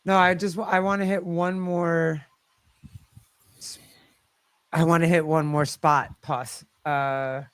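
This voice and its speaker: A man with a fairly high, clean and resonant voice hosts a live call-in stream. He chats casually and informally, with loose swearing. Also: little pitch movement, slow pace, pauses often, fairly bright tone, clean tone, dry recording. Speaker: livestream host.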